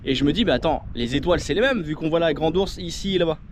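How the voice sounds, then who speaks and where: A man's voice: on the high side, fast talker. A man from northern France chatting casually through a travel vlog outdoors, rambling and asking viewers questions. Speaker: travel vlogger. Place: outdoors, ruins and seaside. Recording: noisy outdoor camera audio.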